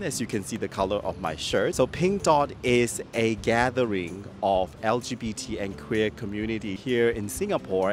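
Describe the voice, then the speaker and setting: A man's voice: mid-range voice, a little hiss or hum. A Malaysian man hosting a casual street interview at an outdoor park event, bubbly and full of exclamations. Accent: Malaysian English. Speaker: vlogger host interviewing people.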